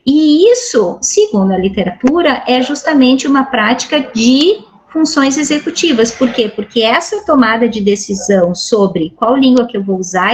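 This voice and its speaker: A middle-aged Brazilian woman, a guest lecturer, gives an academic lecture over a video call in a fairly high-pitched voice. She explains patiently and checks in often with tag questions. The recording is rough.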